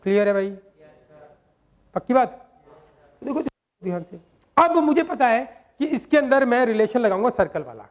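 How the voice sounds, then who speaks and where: A man's voice: extremely high pitch, very animated. A male maths teacher, explaining a problem and quizzing his students with constant rhetorical questions. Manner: reads English question text slowly, word by word. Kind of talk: whiteboard maths lesson.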